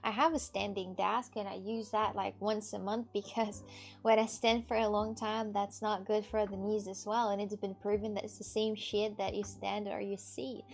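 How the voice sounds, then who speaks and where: A woman's voice: medium pitch, level tone, normal speed, gravelly, faint music behind. A woman in her twenties, a streamer chatting casually with viewers, rambling, laughing often and swearing freely. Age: 20s. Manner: rambling, giggly, frequent swearing. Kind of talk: casual chat answering viewers.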